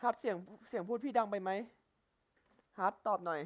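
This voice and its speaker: A man's voice: sits high, a little fast. A man streaming a game live, chatting casually and repeatedly testing his mic.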